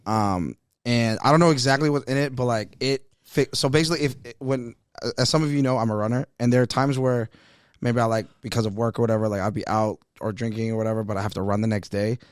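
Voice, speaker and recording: A man's voice: medium pitch, fairly even intonation, fast talker, clean tone, dry recording, clean studio sound. A man hosting a podcast, chatting casually in a rambling, slangy way. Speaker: podcast host. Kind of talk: casual chat.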